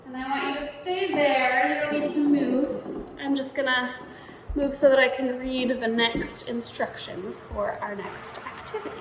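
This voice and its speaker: A woman leading a youth movement workshop, giving playful, encouraging instructions and calling out commands for a warm-up game. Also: sits high, slight background noise. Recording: echoey, reverberant room.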